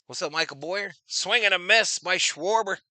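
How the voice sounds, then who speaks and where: A man doing casual live-stream baseball play-by-play, chatting with viewers and getting loud on big plays. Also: high voice, normal speed, dry recording.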